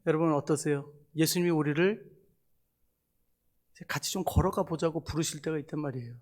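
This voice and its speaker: A middle-aged man preaching a sermon as a missionary pastor, talking to the congregation in a casual, animated way and asking them rhetorical questions. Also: a little high, brisk.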